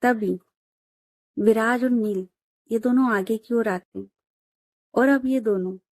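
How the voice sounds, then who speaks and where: Chatty lady storyteller, kinda high voice, mellow tone, dry close mic. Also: slow pace, no echo. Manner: chatty, friendly, addresses listeners as friends. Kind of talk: casual storybook narration.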